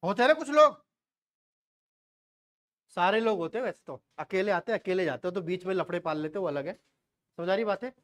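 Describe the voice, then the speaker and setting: Animated and brisk, with frequent pauses, this shorthand teacher in his forties has a high, slightly bright voice. He lectures a class, poses questions he answers himself, and drops in folksy asides and jokes.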